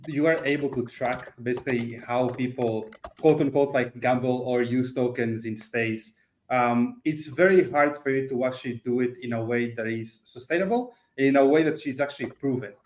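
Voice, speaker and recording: A man giving a conversational company pitch as an interview guest, explanatory, with non-native English phrasing and filler words. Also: reverberant. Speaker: game studio CEO, interview guest.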